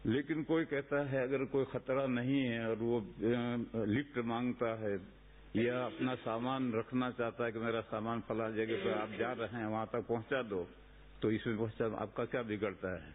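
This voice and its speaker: A man's voice: mid-range voice, steady tone, slight background noise. A man preaching in a mosque in a conversational way, asking rhetorical questions and reciting Arabic sayings. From India. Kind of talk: sermon in a mosque. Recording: tinny phone-like lo-fi recording.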